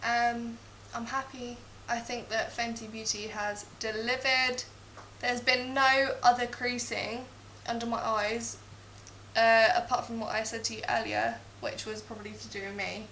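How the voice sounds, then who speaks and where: Tipsy female beauty vlogger, bright forward tone, gushing casual review, faint hiss behind. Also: a little high, little pitch movement, measured pace, poor audio. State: tipsy after drinks. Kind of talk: casual makeup review to camera. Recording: clear background hiss.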